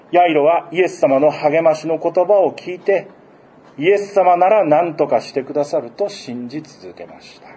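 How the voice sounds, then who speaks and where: Guy preaching, mellow warm voice, pitch moves around a lot, kinda high-ish, lots of um and well. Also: slight background noise. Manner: gentle explanatory preaching with frequent fillers. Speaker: pastor. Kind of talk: sermon.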